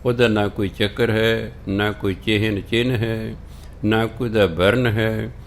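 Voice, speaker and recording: Slow-speaking preacher. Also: male voice, fairly low pitch, steady tone, a little hiss or hum. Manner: repeats and explains each word patiently. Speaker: preacher explaining scripture. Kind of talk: slow devotional scripture exposition.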